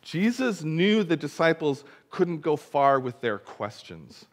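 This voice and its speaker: This middle-aged pastor talks slowly in a slightly high, sing-song voice. Reading the gospel and preaching in the sanctuary, he narrates vividly and questions the congregation.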